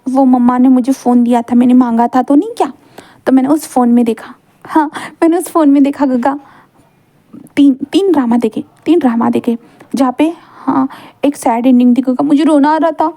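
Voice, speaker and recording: A woman's voice: high voice, fairly even intonation, moderate pace, mellow. A woman voicing a childish, clingy young man who pleads and rambles with many fillers. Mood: earnest pleading.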